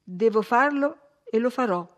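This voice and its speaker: A woman reader voicing a gentle young gentleman in an audiobook, speaking in a wounded, pleading way. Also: fairly high pitch, animated, normal speed, voice pushed up, close to an everyday voice. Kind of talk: audiobook character voice.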